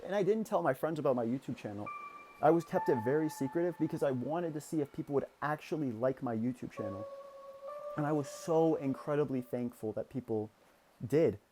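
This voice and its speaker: A young man in his late teens speaks in a personal, confessional vlog. His voice sits a little high for a man, and he wanders through his thoughts with restarts. Faint music plays quietly underneath. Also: a little fast. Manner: candid, confessional, rambling with restarts. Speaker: YouTuber.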